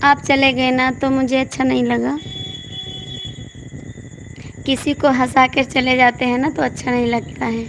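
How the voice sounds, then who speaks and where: Hoarse woman livestreamer, high and slow, gravelly, crickets loud behind. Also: level tone, a little hiss or hum, low-quality recording. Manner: pleading, coaxing, repeats requests. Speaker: folk singer hosting a live stream. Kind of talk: casual live-stream chat with viewers. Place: indoors at night with the power out.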